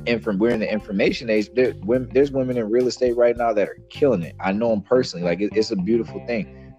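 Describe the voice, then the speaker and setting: A man's voice: fairly low pitch, a little mellow. Man on a muffled bluetooth headset mic. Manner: emphatic, preachy, repeats himself. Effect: muffled underwater-sounding bluetooth headset mic. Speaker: podcast co-host. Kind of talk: casual debate chat.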